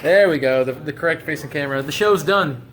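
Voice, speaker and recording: A man's voice: on the high side, a little fast, fairly bright tone, slight background noise. A young man, a rapper, talking casually and jokingly to the camera for his vlog. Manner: joking, self-mocking. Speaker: rapper and vlogger.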